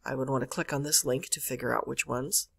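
A college librarian narrates a catalog tutorial as a screen-recorded voice-over, walking through each step and stressing key words. Her voice is bass and steady, fairly quick, with a creaky, husky texture.

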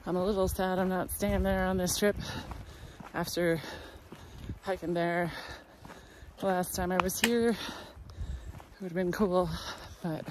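Against a noisy background, a woman's fairly low voice moves at a measured pace with fairly even intonation. She's a thirties thru-hiker casually vlogging along a forest trail, phone at arm's length. Her manner is wry and chatty, her breath short from hiking.

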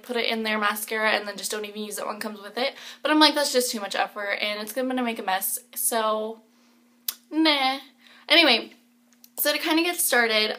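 A woman's voice: fairly high pitch, pushed and bright. A young woman chatting casually about makeup in her home kitchen, rambling with many fillers. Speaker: beauty vlogger. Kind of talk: casual chat.

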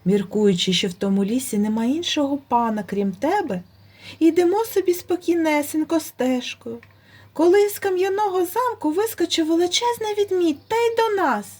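A woman's voice: extremely high pitch, animated, moderate pace, darkish tone, voice pushed up. A woman voicing a small, timid but cunning male hare who speaks with exaggerated politeness. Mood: storytelling. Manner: very polite, pleading.

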